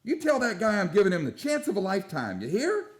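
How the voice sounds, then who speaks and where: A man's voice: high voice, wildly swooping pitch, fast talker. An actor playing a brash young businessman and pushy old pal in a radio play, hearty and boastful.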